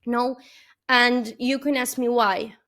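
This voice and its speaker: Fairly high in pitch, steady in tone and slow in pace, with a fairly bright quality, this woman's voice carries an earnest webinar keynote. She is from Argentina, a native Spanish speaker using English with an Argentine accent, full of "uh" and "no?" tags.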